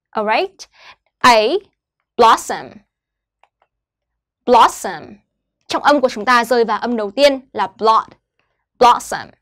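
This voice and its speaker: A woman teaching an online English lesson, slowly modeling each English word and then explaining it to schoolchildren. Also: fairly high pitch, a bit bright. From Vietnam.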